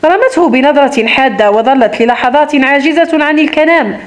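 Female audiobook narrator, high voice, dramatic novel reading. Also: a little fast.

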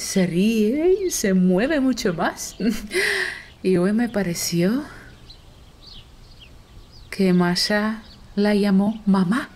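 Slow-talking, doting older mother. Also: medium pitch, darkish tone. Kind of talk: dubbed film drama.

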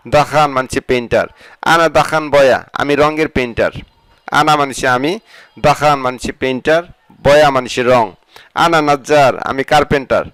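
A man teaching a vocabulary lesson, saying each phrase and then its meaning in a steady drilling rhythm. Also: medium pitch, clean tone, no room sound, rough recording. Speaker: language teacher.

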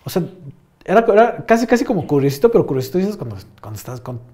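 Young Mexican man, casual podcast host; slightly high, mellow voice; rambling storyteller with lots of slang and fillers. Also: sing-song, fast talker.

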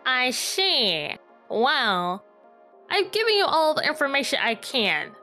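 Woman doing a low solemn old doctor guy in a horror game, slow and heavy. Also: big pitch swings, bright, forceful tone, soft background music, full character voice. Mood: ominous. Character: old male doctor, grave and ominous.

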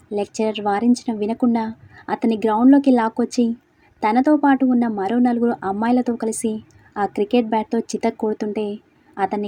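A woman narrating a story in a steady, expressive scripted reading. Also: fairly high pitch, no room sound.

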